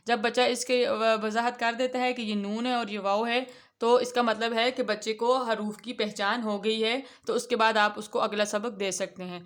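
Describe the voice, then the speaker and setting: A woman teaching a Quran reading lesson for children, explaining patiently and reciting letter names slowly and clearly. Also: on the high side. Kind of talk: instructional lesson.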